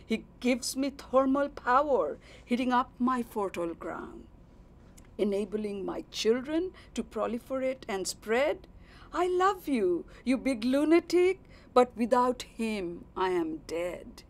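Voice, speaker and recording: A woman's voice: on the high side, sing-song, takes it slowly, voice pushed up, exaggerated voice. A woman voicing the Earth as a devoted, motherly woman who pleads earnestly in a recited poem. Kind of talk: poetry recitation.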